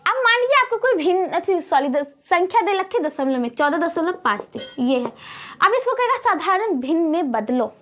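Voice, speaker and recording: A woman's voice: very high-pitched, sing-song, moderate pace, fairly bright tone. A woman math teacher with a Bihari Hindi accent, explaining rules step by step to students in a classroom lesson.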